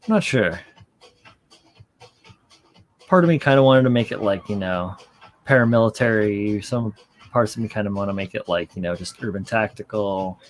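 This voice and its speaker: A man hosting a casual livestream chat, relaxed and rambling with many fillers, a little tired. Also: on the low side, moderate pace, long pauses. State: yawning, tired. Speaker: streamer hosting a model-building stream.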